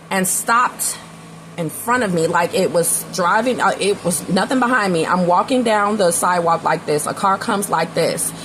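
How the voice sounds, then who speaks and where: A woman giving a relaxed tarot reading, talking straight to the listener. Her voice sits at an ordinary middle pitch, and her delivery is loose, slangy and conversational, as if she were chatting with a friend. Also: slight background noise, low-quality recording. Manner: casual, slangy, talks straight to the viewer. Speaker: tarot reader. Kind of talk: casual tarot reading and storytelling.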